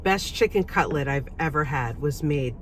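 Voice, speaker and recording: A woman's voice: low voice, normal speed. Female host, casual conversational interviewing, recorded in a car with faint background noise. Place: inside a parked car.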